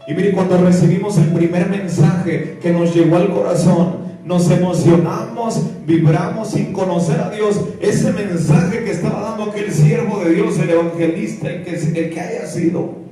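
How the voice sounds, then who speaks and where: A man's voice: high voice, normal speed. A man with a Mexican Spanish accent preaching an impassioned sermon, now and then singing lines of a hymn and acting out the voices he quotes. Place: church hall. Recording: echoey church hall, mic at a distance, faint music.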